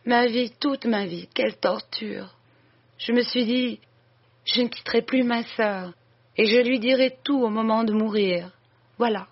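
A reader voicing an old dying woman who confesses to her sister, breathless, halting and imploring. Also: mid-range voice, pitched above the performer's own voice. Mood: anguished. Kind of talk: audiobook reading. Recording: dull lo-fi recording.

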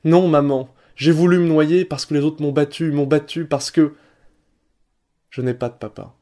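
A man's voice: a little high, brisk, warm tone, pitched above the performer's own voice, natural voice. A man putting on a sobbing little boy. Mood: tearful. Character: small sobbing boy without a father.

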